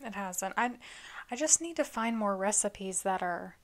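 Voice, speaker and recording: A woman's voice: mid-range voice, expressive, unhurried. A woman hosting a casual podcast, chatting playfully and laughing often. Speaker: podcast host. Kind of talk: casual chat.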